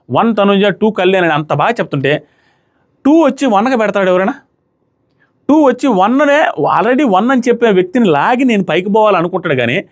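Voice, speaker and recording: Man, reality show reviewer, high-pitched, quick-talking, emphatic, rhetorical questions. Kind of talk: casual opinionated commentary.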